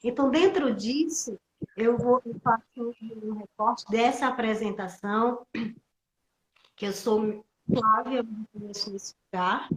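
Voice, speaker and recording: A woman's voice: on the high side, measured pace, reverberant, rough recording. A middle-aged woman from Pernambuco, a guest actress and theatre teacher, speaking reflectively in a live video call and often searching for her words. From Pernambuco, Brazil. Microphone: computer mic on a video call.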